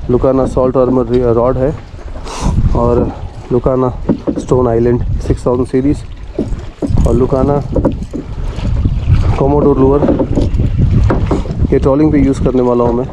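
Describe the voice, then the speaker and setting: Out by the water and partly aboard a boat, a man hosting a fishing vlog chats loosely with viewers and keeps circling back to short repeated phrases. He has a medium-pitched voice with a flat delivery, a moderate pace, and long pauses, all captured in a noisy outdoor recording full of boat sounds.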